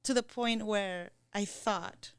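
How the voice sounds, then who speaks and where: Woman from costa rica, halting chatty talk, lots of "like", smooth clear voice, dry close sound. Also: mid-range voice, no echo. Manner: halting, many restarts and "like". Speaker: co-host. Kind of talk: casual podcast conversation.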